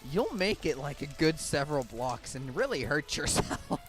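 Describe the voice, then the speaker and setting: A man's voice: fairly high pitch, big pitch swings, moderate pace, over music. A man chatting casually while gaming, laughing often and hesitating a lot. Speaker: co-player.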